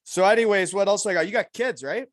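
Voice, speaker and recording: A man's voice: high voice, fast talker, dry recording, clean studio sound. A middle-aged man hosting a podcast in casual chat, with an informal, blunt, encouraging way of talking. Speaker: podcast host, former hockey player.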